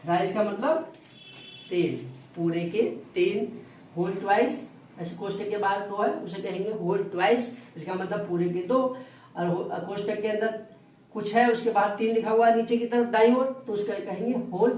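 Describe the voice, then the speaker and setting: A man teaching a lesson who repeats each word slowly and spells it out letter by letter. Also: high voice, fairly even intonation, a little mellow. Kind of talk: classroom lesson. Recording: roomy echo, distant from the mic, faint noise.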